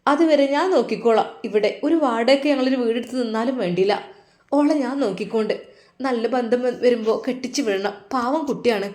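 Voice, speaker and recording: A protective grown daughter speaks firmly and earnestly in a clear voice, as a woman puts her on. She has a Malappuram Malayalam accent. The room adds a noticeable echo. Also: on the high side, fairly quick, a little mellow, close to an everyday voice. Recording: roomy echo.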